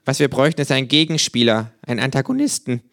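A cocky, scheming kangaroo detective, put on by a man with a twang, pushed well above his usual low voice and louder. He sounds cheeky and brash. The recording is dry and close. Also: animated, fast, dry recording. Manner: cocky, high and loud, Berlin street slang.

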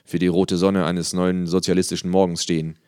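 A man plays a booming, pompous art critic in an audiobook, gushing over every detail. His voice sits deep and low. The sound is dry and close. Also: little pitch movement, brisk, darkish tone, clear, resonant tone, dry recording, lightly acted. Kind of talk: audiobook character voice.

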